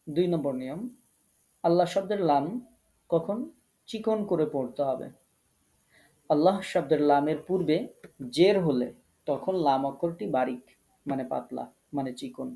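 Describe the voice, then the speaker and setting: A man with a Bangladeshi Bengali accent teaching Quran recitation rules in an online lesson, explaining patiently step by step, repeating each rule and slowing down to model the recitation. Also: on the high side, vocal fry, dark tone.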